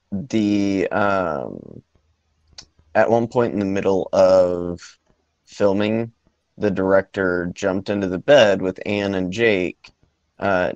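A man's voice: low voice, no echo, highs cut off. A man co-hosting a casual movie podcast, talking in a hesitant way with lots of ums and restarts. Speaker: podcast co-host.

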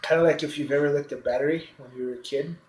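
A man's voice: a little high, steady tone, fast, darkish tone. A man in his thirties giving casual commentary while his mouth burns from spicy food. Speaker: food challenge participant. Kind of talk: casual commentary during a challenge. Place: indoors at a kitchen dining table. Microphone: phone camera across the table. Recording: echoey room, faint background noise.

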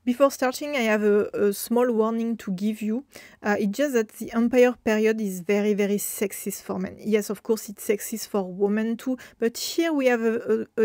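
A woman with a strong French accent, a native French speaker, hosting an educational talk on historical fashion, talking in a halting way with many fillers and repeated words. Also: on the high side, darkish tone, no echo. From France. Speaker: host.

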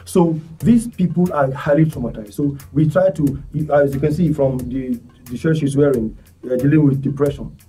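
Earnest man, dark, distant. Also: a little high. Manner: earnest, halting, many restarts. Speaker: guest, charity volunteer. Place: studio set. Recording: distant mic, faint music behind.

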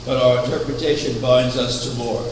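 The founder of a religious order, an older man, preaches from a chapel's wooden pulpit in a steady, mid-range voice. His sermon is measured and built on anecdotes and rhetorical questions. A distant camera captures the echo of the chapel and the hum of air conditioning.

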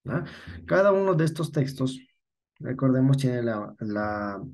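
In an online class, an Ecuadorian-accented man teaches patiently, frequently correcting himself and confirming students are following. His mid-range voice is darkish and sing-song, and he talks a little slowly.

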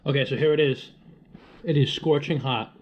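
A man's voice: a little high, normal speed, lo-fi sound. A man, narrating a casual home cooking vlog in an informal, emphatic way, often repeating his phrases. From Rhode Island, USA. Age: 20s. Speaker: home cook vlogger. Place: home kitchen, indoors. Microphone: action camera, close or at arm's length. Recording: clear background noise with clicks.

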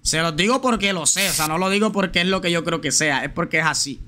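A man's voice: high voice, quick pace, pushed and bright. A man streaming a game live, chatting casually and slangily straight to his viewers and reading their messages aloud. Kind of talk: casual live gameplay chat.

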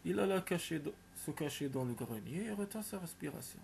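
Gravelly male folk tale narrator. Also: a little high, animated, fairly quick, darkish tone, slight background noise. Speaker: storyteller.

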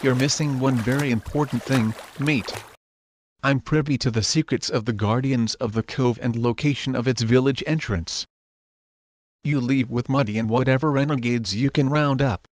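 A man's voice: mid-range voice, normal speed, dry recording, natural voice. A man voicing a wily, flippant pirate captain in a motion comic, with a wordy, theatrical manner. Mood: sly, flippant. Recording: background music under the voice.

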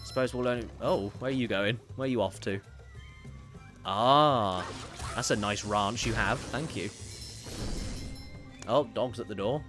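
Brief: male streamer, mid-pitched, loose rambling game commentary. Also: a little slow, pauses often, fairly bright tone, soft background music. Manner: rambling, self-correcting, reads viewer messages aloud. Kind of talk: casual gameplay commentary.

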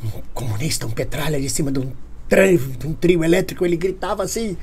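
A man playing a paranoid right-wing man in a satirical comedy monologue, husky, with a Brazilian Portuguese accent, alarmed and indignant, swinging from hushed whispers to high outbursts. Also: lively intonation, a little fast, a little hiss or hum, natural voice. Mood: panicked ranting.

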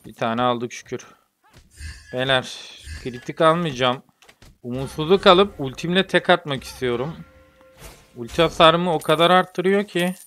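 A man's voice: fairly high pitch, a little slow, a bit bright, faint music behind. A young man from Turkey commentating his own mobile game like a football match, joking and grumbling at his teammates. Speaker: gaming streamer. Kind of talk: gameplay commentary.

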